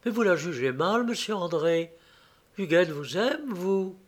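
A shy young village girl speaks in a soft, trembling voice, as a man reading the story puts her on. She sits high and quiet, timid and kind. The reading moves slowly. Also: sing-song, full character voice. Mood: soft, anxious.

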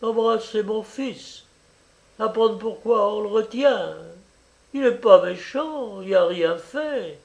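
A man voicing a fierce, desperate old peasant mother who pleads for her son in a high, shrill voice. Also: slow pace. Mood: pleading.

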